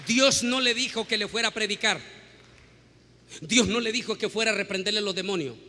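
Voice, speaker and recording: Male preacher, high bright voice, dramatic storyteller moving from hushed to shouting, big church reverb. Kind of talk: sermon. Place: large church. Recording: long hall reverb.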